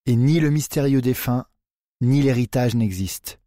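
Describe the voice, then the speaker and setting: A man voicing a grave, secretive man slowly confessing the truth. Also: mid-range voice, dry recording, clean studio sound, lightly acted. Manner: grave, deliberate, hushed.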